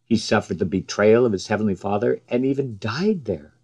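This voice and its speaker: A man preaching a sermon in a slow, measured way, his voice rising with emphasis on the quoted cries. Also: fairly low pitch, a little mellow, husky.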